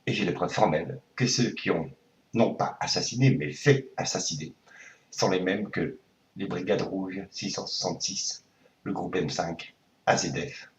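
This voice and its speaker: Very deep-voiced man on a prank call. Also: slight background noise, rough recording. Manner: hesitant, full of pauses, earnestly conspiratorial. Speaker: prank caller.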